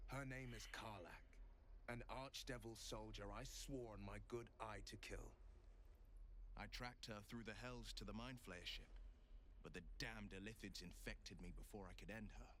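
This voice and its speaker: A man playing a gallant monster-hunting hero in a video game, earnest, measured and theatrical. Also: fairly low pitch, pushed and bright, slight background noise. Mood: grave, determined. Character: gallant monster-hunting hero coaching and recounting his quest.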